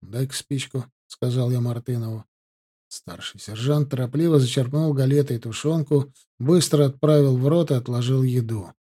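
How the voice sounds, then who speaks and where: Husky-voiced male audiobook narrator. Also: mid-range voice, moderate pace, mellow. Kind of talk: first-person audiobook narration.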